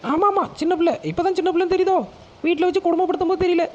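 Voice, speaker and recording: Very high, snappy sulking young wife, acted by a woman. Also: flat delivery, a little mellow, muffled recording. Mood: sarcastic. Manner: sarcastic, quick retorts. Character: sulky young wife, sharp-tongued, resentful of in-laws.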